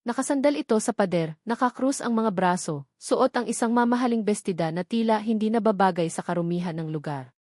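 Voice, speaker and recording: This story narrator is a Filipino woman performing a scripted drama, her phrasing measured and emotive. Her voice sits at a middle pitch for a woman, with a darkish tone. The sound is very dry, with hardly any room around it and no echo.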